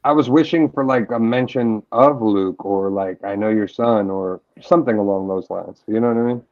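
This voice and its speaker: Eager male co-host, stumbling repeats, slightly dull audio. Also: on the low side. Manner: excited, fast, repeats himself. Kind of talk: casual fan chat.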